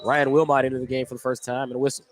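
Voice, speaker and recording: Calling live basketball play-by-play for radio from courtside in an indoor gym, this man speaks very fast in a flat, mid-range voice and tends to chuckle between calls. The broadcast is noisy, filled with game sounds and a bouncing ball.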